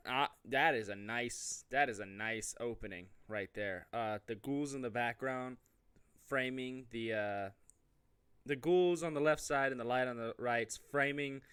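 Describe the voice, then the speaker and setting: Hosting a casual gaming show, a man with an ordinary mid-pitched, clean-toned voice alternates between reading game text aloud and offhand, joking remarks. His delivery rambles in a relaxed let's-play style.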